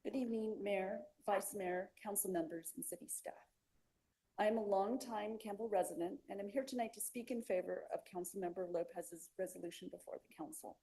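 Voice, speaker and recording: A woman giving a formal, deliberate prepared public comment at a council meeting. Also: mid-range voice, mellow, low-quality recording. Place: council chamber.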